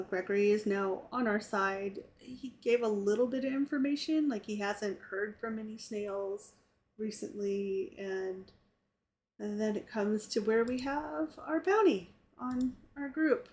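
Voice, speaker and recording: A woman casually recapping a tabletop game session in a relaxed, rambling way with fillers. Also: mid-range voice, unhurried. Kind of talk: casual chat.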